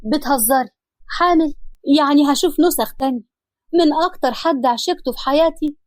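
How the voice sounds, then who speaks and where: A woman's voice: high voice, fairly quick, no echo, lightly acted. Woman reader voicing young husband, playful and tender; close, dry sound. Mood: teasing, loving. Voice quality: playful teasing banter. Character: young village man, teasing and loving.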